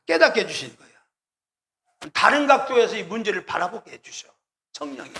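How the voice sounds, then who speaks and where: Gravelly, lively-pitched preaching man. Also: a little fast. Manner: emphatic, repetitive, asks the congregation questions; calls out hallelujah and addresses the listeners directly. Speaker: pastor. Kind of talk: sermon.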